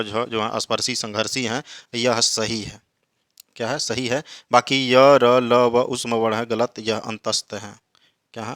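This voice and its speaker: A man's voice: fairly low pitch, fairly bright tone, dry recording, studio quality. A man teaching, reading each exam question and then explaining its answer. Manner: slow drawn-out recitation of verses.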